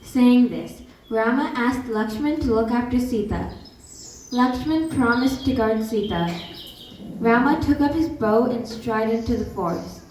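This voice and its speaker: A woman's voice: a little high, lively intonation, a little slow, darkish tone, slight background noise. Woman narrator, distant and echoey. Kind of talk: scripted storytelling narration for a stage dance drama. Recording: echoey hall from far off, music behind.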